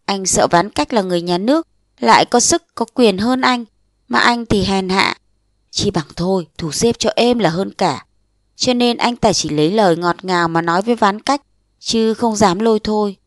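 A woman reads a short story aloud, narrating briskly and throwing herself into the dialogue. Her voice sits at an ordinary middle pitch. The recording is close and dry, with no room sound. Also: no room sound. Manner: lively storytelling, acting out dialogue in changed voices. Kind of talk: audiobook reading of a short story.

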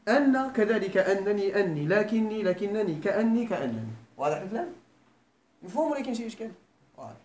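Very animated and fast, with a high and slightly mellow voice, a man lectures on Arabic grammar in a Moroccan Arabic accent. Teaching in a Quran school lecture room, he frequently quizzes students and checks they're keeping up. The recording is echoey with faint background noise.

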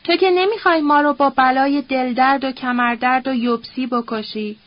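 A woman's voice: sits high, fairly even intonation, dull audio, lightly acted. A woman voicing a bitter, scornful old nobleman who curses and quotes proverbs in a sneering, coarse, grumbling way.

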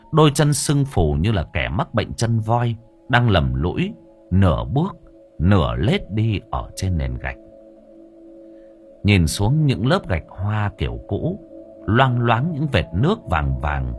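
A man narrating a horror story aloud with expressive, shifting delivery. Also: lowish voice. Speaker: audiobook narrator.

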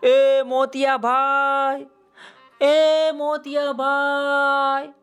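A man's voice: extremely high pitch, steady tone, slow pace, fairly bright tone, clean tone, soft background music, pitched above the performer's own voice, exaggerated voice. A man voicing a simple, tearful male donkey who has forgotten how to bray, pleading in a raised voice.

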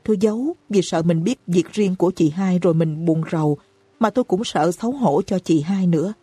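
A woman voicing a young wife in an audiobook, crying out in frantic, shrill pleas. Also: fairly quick, mellow, breathy edge, no room sound. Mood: pleading. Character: young terrified wife, wailing for help.

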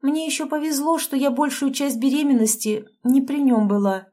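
A woman's voice: sits high, fairly even intonation, normal speed, warm tone, voice pushed up, natural voice. A woman reading an audiobook, voicing a young mother who complains in the plaintive voice of a village gossip. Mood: complaining. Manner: whiny, complaining.

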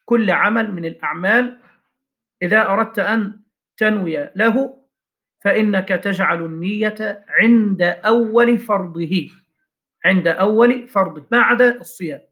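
High-voiced man teaching Islamic law. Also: normal speed, pushed and bright. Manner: reads a line of the text, then explains it with questions and examples. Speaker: teacher of Shafi'i jurisprudence. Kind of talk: classroom lecture explaining a legal text.

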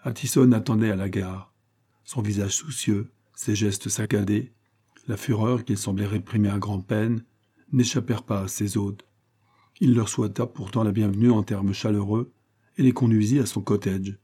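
A man with a lowish, breathy-edged voice reads a classic novel aloud as an audiobook narrator at normal speed. He tells the story evenly and lifts his voice for the characters' lines.

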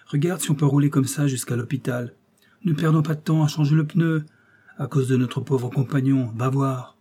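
A man reading aloud and voicing a brisk, commanding male henchman in disguise. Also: medium pitch, steady tone, dark tone, husky, close to an everyday voice. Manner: urgent, commanding.

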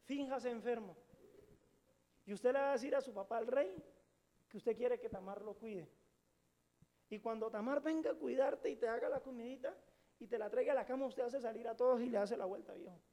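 A man's voice: very high voice, fairly quick, long pauses, mellow. A man voicing a scheming young male cousin who gives sly, conspiratorial advice in a retold Bible story.

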